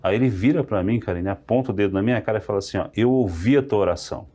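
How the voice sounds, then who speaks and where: A man, a podcast guest telling a religious testimony in an animated way, acting out the dialogue. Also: fairly low pitch, racing. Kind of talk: testimony storytelling.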